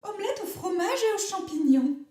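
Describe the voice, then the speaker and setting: A grand national actress with a fearful, fussy streak, as a woman puts her on for a comic radio sketch. Her voice sits high and swoops widely, and she talks in an affected, precious and rambling manner. The recording is roomy. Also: expressive, a little fast, dark tone.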